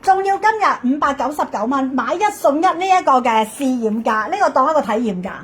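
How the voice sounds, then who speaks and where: A woman's voice: sits high, animated, brisk. A woman with a Hong Kong Cantonese accent hosting a live shopping stream as a hard-sell ad, emphatic and urging.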